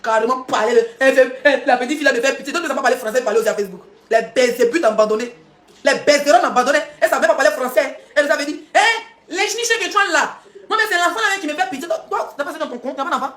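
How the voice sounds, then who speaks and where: A woman rants on a live stream, mocking her critics and firing off rhetorical questions between laughs. Her voice sits high and she rattles the words off at great speed. The sound bounces around an echoey room. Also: racing. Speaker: social media live streamer. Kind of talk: heated live-stream rant.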